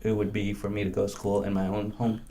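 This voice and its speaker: Indian man, thoughtful and low. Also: monotone, fast, warm tone. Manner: thoughtful, with frequent fillers and restarts. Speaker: interview guest. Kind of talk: casual conversation.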